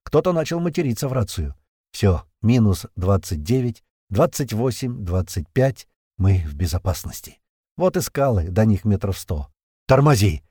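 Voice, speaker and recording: A man narrating a tense first-person audiobook, with swearing and lively storytelling. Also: fairly low pitch, normal speed, breathy edge, no echo, clean studio sound.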